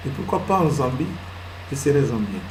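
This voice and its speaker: A male pastor preaching a sermon, swinging from loud emphatic peaks to hushed asides and answering his own questions. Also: medium pitch, very animated, fairly quick, a little hiss or hum. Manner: asks the congregation questions and answers them himself. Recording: echoey hall with faint ambience.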